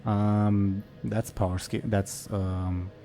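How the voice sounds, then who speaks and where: A man narrating a tabletop role-playing game as game master, in a casual, halting, improvised way. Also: on the low side, level tone, dark tone, slight background noise.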